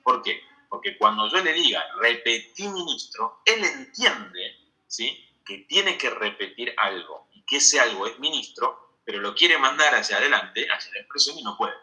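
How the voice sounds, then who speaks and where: A man's voice: mid-range voice, lively intonation, normal speed, sharp tone, rough recording. A man giving an online medical school lecture, explaining step by step and checking in with "¿sí?" again and again.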